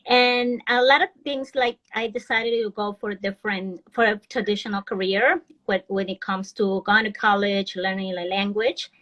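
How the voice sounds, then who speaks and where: A woman's voice: medium pitch, fairly even intonation, moderate pace, hardly any pauses, a bit bright, muffled recording. A woman from Ecuador, a financial advisor, speaking earnestly as a guest on a video call and often restarting her sentences. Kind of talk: casual live-stream interview.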